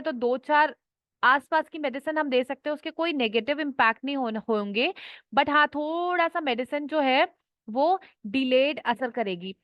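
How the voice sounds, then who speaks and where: A woman's voice: sits high, no echo, lo-fi sound. A woman teaching an online class, reading out a list of names one at a time. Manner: slow, listing names one by one.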